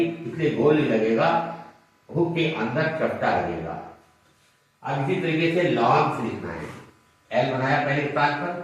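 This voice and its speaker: A man teaching shorthand, explaining each stroke patiently and step by step. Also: mid-range voice. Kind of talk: classroom lesson at a board. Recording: echoey room, mic far off.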